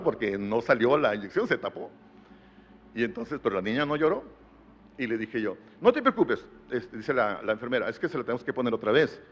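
A middle-aged man, a pastor, preaching a sermon and telling a family story, building to emphatic repeated phrases. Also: medium pitch. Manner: tells a family anecdote, rising to emphatic repetition. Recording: dull long hall reverb.

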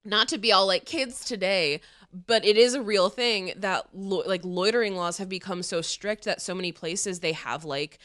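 A woman's voice: medium pitch, normal speed, a bit bright. A woman in her thirties, a comedian guest on a podcast, talking with enthusiastic nostalgia and casual swearing. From Wisconsin. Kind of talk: casual chat.

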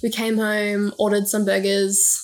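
A woman's voice: medium pitch, little pitch movement, measured pace, a little hiss or hum. A woman in her early twenties with an Australian accent, chatting casually in a playful, slangy way as a podcast co-host. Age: early 20s. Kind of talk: casual chat.

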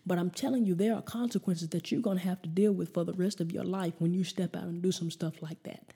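A woman delivers a sermon in a relaxed, conversational way that turns emphatic as she presses her points. Her voice is mellow and slightly husky, and she often circles back and repeats words. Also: fairly low pitch, fast. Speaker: preacher.

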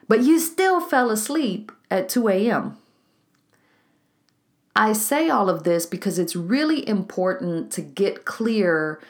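A woman, a life coach, talking casually and candidly on her solo podcast, laughing at herself now and then. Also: lowish voice.

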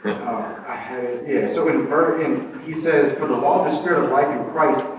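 Halting man speaking from afar. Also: medium pitch, slight background noise. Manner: halting, searching, with many restarts, reads scripture aloud. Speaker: class participant. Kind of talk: church Bible class discussion. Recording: echoey room, voice from a distance.

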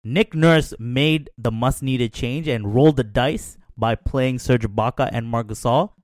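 A confident man talking sports on a panel, trash-talking freely and tagging his points with "right?". His pitch is mid-range, recorded on a close mic with a dry sound. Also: unhurried, dry recording. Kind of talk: casual sports talk.

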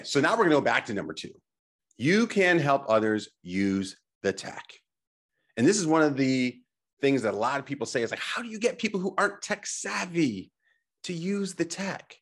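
A husky-voiced middle-aged man teaches in a motivational presentation. His pitch moves up and down a lot as he stresses his points. He coaches the listener directly, with rhetorical questions and quick check-ins. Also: fairly bright tone. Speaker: presenter and teacher on health technology.

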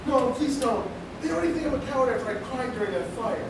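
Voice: medium pitch, lively intonation, quick pace, natural voice. An actor playing a nerdy, cowardly teenage boy with an anxious, dramatic manner in a comedy sketch. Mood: nervous. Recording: echoey, noisy, far from mic.

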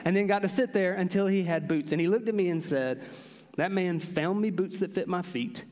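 Male pastor, fairly high voice, storytelling sermon, big reverberant church hall. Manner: storytelling, animated, drawn-out emphasis. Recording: long reverb of a large hall.

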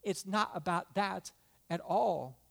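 A man in his thirties preaching a sermon, repeating phrases for emphasis and swinging from hushed lines to loud ones. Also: high voice, slow pace, creaky. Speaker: pastor.

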